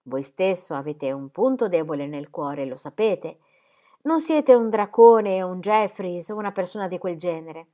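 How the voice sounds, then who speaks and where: A woman's voice: lowish voice, moderate pace, natural voice. A woman voicing a placid country parson. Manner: placid, calm. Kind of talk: audiobook character reading.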